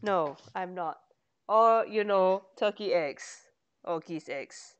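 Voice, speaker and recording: A woman's voice: lowish voice, slow, clear, resonant tone. A woman co-hosting a casual vlog, rambling through a show-and-tell with lots of fillers. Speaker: vlog co-host. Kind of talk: casual chat.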